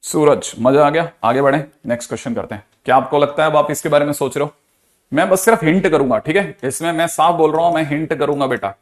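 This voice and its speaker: A maths teacher with a somewhat high voice runs a live online class. He reads each step aloud and checks in with his students by name. He keeps asking whether the point has landed. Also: fast talker. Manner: calls out student names, quizzes often, reads steps aloud; speaks Hindi mixed with English maths terms.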